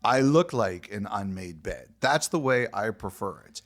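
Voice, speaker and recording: A man's voice: lowish voice, expressive, a little slow, fairly bright tone. A man co-hosting a podcast, chatting casually and joking at his own expense. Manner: self-deprecating, jokey. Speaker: podcast co-host.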